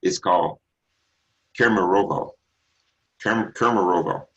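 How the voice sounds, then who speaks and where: Interviewed as a guest, a middle-aged singer from Texas replies in a deep bass baritone, taking his time, reflecting, and often pausing with ums or starting over. The audio sounds dull.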